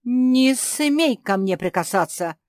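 A woman's voice: lowish voice, slow pace, no room sound, clean studio sound. A woman playing a bullying dog father. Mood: angry. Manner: shouting, harsh.

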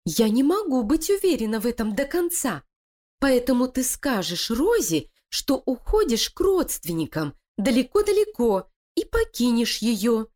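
A woman's voice: a little high, big pitch swings, measured pace, a little mellow, voice pushed up. A woman voicing Lilia, a sly, scheming female animal who talks in a cold, threatening, commanding way.

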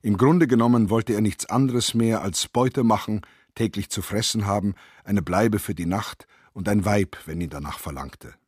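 Grave, low-voiced male narrator. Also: normal speed, a little mellow, breathy edge, no echo, studio quality. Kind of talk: scripted radio drama narration.

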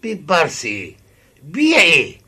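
An actor playing an arrogant, bullying soldier with a Turkish accent and broken Arabic, barking with contempt in a radio drama. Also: male voice, on the high side, wildly swooping pitch, moderate pace, pushed and bright, slightly rough, heavily acted. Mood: scornful, angry.

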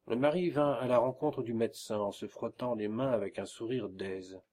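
A man's voice: mid-range voice, moderate pace, a little mellow. Man reading a classic story aloud. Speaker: audiobook reader. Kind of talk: scripted narration of a classic novella.

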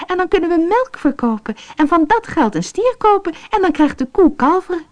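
A woman's voice: medium pitch, sing-song, moderate pace, dark tone, breathy edge, dry recording, soft background music, pitched above the performer's own voice. A woman voicing a poor wife in a fairy tale, eager and exclaiming. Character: poor, practical wife who turns angry.

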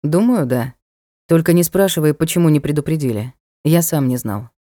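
A blunt young knight, voiced by a woman reading an audiobook needles and teases in a low, mellow voice. He talks in a brusque, matter-of-fact way. The recording is dry and close. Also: lively intonation, moderate pace, no echo. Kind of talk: audiobook character voice.

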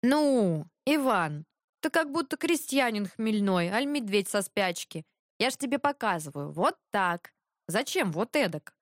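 A woman voicing a lively, teasing young tsar's son who pokes fun at his brother. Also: mid-range voice, unhurried, no echo, clean studio sound. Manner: teasing, animated.

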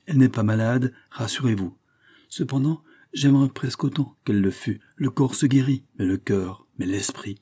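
A man reading an audiobook, voicing a resolute old grandfather who reasons in a measured, firm way. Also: medium pitch, warm tone, slightly rough, natural voice. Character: grave, resolute grandfather, protective and calm.

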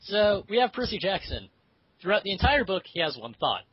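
A young man co-hosting a casual book chat, dropping deadpan jokes. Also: sits high, a little fast, husky, dry recording. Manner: joking, deadpan asides. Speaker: podcast co-host. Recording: dull lo-fi recording.

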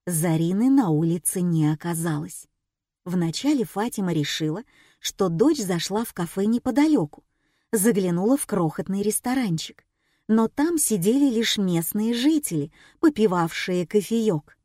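A woman narrating an audiobook in the first person, with a calm, matter-of-fact reading. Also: mid-range voice, moderate pace, dry recording, clean studio sound.

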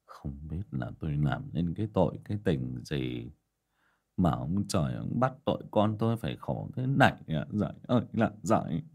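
A man playing a gruff, worried middle-aged village husband in a spoken ghost story. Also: sits low, sing-song, slow pace, fairly bright tone, pitched below the performer's own voice, heavily acted. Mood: lamenting. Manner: grumbling, stammering.

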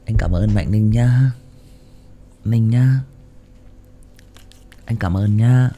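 A man narrating a horror story in an expressive, dramatic storytelling style, then chatting jokily to listeners. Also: on the low side, takes it slowly, slight background noise. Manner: expressive, lively delivery; jokey, chatty afterword. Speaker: audiobook narrator.

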